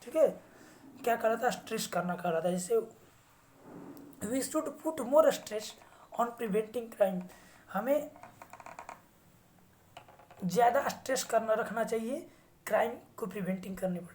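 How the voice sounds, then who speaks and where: A woman teaching English vocabulary who reads English sentences slowly with an Indian accent and then explains them in Hindi. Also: medium pitch, a little mellow, a little hiss or hum. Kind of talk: slow English vocabulary lesson.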